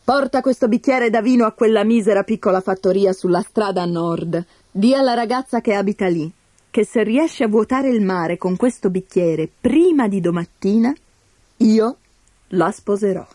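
A woman's voice: mid-range voice, normal speed, a little mellow, dry recording, close to an everyday voice. A woman voicing a proud, teasing male tsar in a storybook reading, with blustering, boisterous speech. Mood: amused, boastful.

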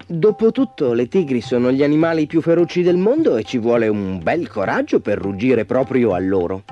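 A man's voice: mid-range voice, animated, moderate pace, dark tone, dull audio, soft background music, pitched above the performer's own voice, close to an everyday voice. A man voicing a shy but cheeky little boy in a children's storybook. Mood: earnest.

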